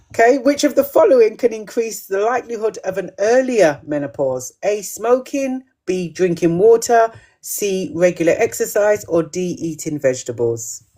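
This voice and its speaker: Slow, chatty woman hosting a quiz. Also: medium pitch, expressive, mellow. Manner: chatty, reads questions twice, reacts to viewer comments. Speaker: host of a live menopause quiz. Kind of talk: live-stream quiz hosting.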